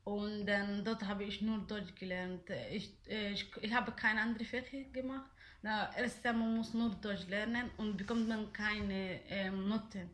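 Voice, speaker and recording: A woman's voice: mid-range voice, steady tone, measured pace, a bit bright. Hesitant young woman. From Somalia. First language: Somali. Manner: hesitant, many fillers and restarts. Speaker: interviewee. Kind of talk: casual interview answers.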